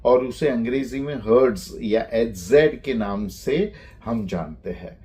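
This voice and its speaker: A man teaching a lecture on phonetics, speaking deliberately and spelling out sounds one by one. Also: medium pitch, darkish tone.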